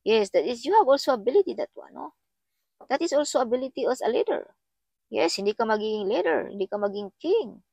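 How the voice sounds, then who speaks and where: A woman's voice: on the high side, animated, fairly quick, creaky, a little mellow, no echo. A woman with a Filipino accent giving a tarot reading to viewers, switching between Filipino and English and addressing listeners by their star sign. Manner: mixes English into Filipino speech, repeats the sign name. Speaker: tarot reader.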